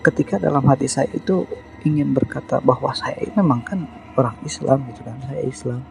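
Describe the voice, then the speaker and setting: A man from West Java, telling his own horror story in an unhurried, hesitant way with many pauses. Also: mid-range voice, vocal fry, soft background music. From West Java, Indonesia. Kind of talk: first-person horror story narration.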